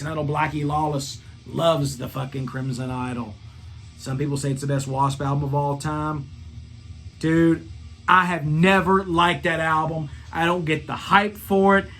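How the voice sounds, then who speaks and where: A man hosting a rock review channel, talking excitedly and profanely about a concert and singing bits of the songs. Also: a little high, creaky.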